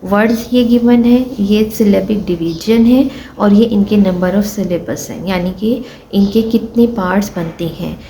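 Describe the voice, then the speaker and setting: A woman teacher walking through a textbook lesson, explaining in Hindi-Urdu and reading the English sentences out slowly, with faint background noise. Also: medium pitch, dark tone, poor audio. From Pakistan.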